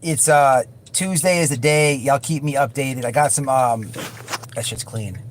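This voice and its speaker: A livestream host with a mid-range voice speaks unhurriedly, offering casual chat and commentary in a blunt, slangy, profane style. Car sounds make the recording noisy.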